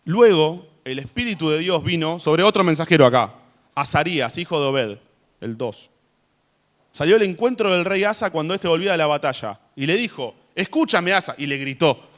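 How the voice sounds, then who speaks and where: Man preaching, slightly high voice, conversational, swells to loud emphasis. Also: lively intonation, moderate pace. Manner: conversational, rising to loud emphasis when reading scripture. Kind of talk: sermon. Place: church.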